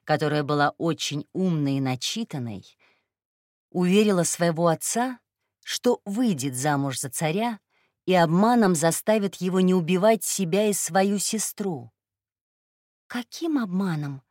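A woman reading a first-person story aloud in a calm, even narration. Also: on the low side, unhurried, no echo, clean studio sound. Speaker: audiobook narrator.

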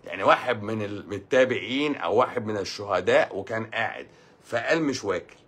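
An Egyptian man hosting a casual live stream, answering viewer comments with quick jokes. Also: lowish voice, a bit bright, slightly rough. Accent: Egyptian Arabic. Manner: quick, joking, reads viewer comments aloud.

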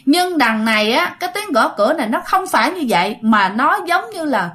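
A woman's voice: sits high, big pitch swings, brisk. Chatty Southern Vietnamese woman telling ghost tales. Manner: chatty, addresses listeners directly, acts out quoted shouts. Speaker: ghost story narrator. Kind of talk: casual spoken storytelling.

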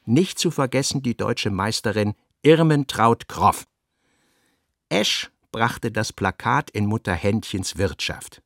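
A fairly low-pitched male voice narrates a literary audiobook, measured and expressive in his storytelling. The recording is dry and clean, with studio quality.

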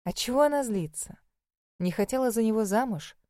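A woman narrating a fantasy romance audiobook in a measured, expressive way. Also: on the high side, no echo, studio quality. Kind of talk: scripted narration.

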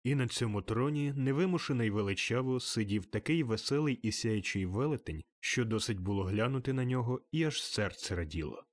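A man giving expressive, measured audiobook narration of a classic tale. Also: medium pitch, dry recording.

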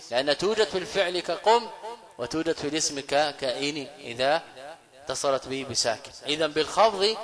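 A man, a scholar teaching grammar in a classroom lecture, who asks questions and answers them himself and slowly repeats key phrases. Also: a little high, a bit bright.

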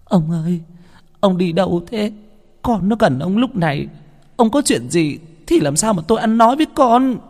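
A man's voice: high voice, lively intonation, moderate pace, a little mellow, long reverb tail, voice pushed up. A man voicing a grieving middle-aged wife who pleads through tears in a ghost story. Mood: pleading. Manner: pleading, tearful.

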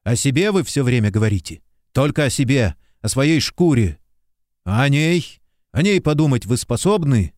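A man's voice: medium pitch, expressive, measured pace, darkish tone, dry recording, clean studio sound, lightly acted. A man voicing a principled young male Soviet lieutenant in an audiobook, talking in indignant, commanding bursts. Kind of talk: audiobook character reading.

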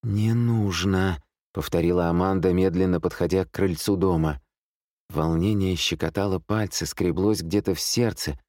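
A man narrating a thriller audiobook in a calm, measured, suspenseful manner. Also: low-pitched, no echo, studio quality.

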